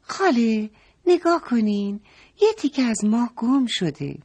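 A woman voicing a curious, excited young girl in a children's story. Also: a little high, breathy edge, pitched above the performer's own voice, full character voice. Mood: excited wonder. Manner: eager, exclaiming.

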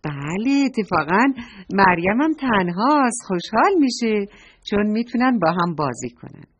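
A woman voicing a kind mother who gently teaches her daughter a lesson, on a dull lo-fi recording. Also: mid-range voice, animated, slight background noise, lightly acted. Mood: gentle, instructive.

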